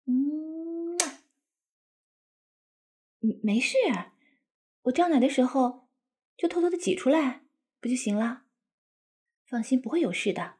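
A woman playing a coquettish, doting young wife in an intimate audio role-play, cutesy, pouty and wheedling, with a breathy voice. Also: sits high, expressive, takes it slowly, pauses often, warm tone, heavily acted. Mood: doting, reassuring.

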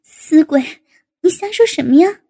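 A woman voicing a sharp-tongued, scolding middle-aged aunt in a read-aloud story, her voice high and gravelly. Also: expressive, normal speed, no room sound, studio quality. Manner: scolding, huffy.

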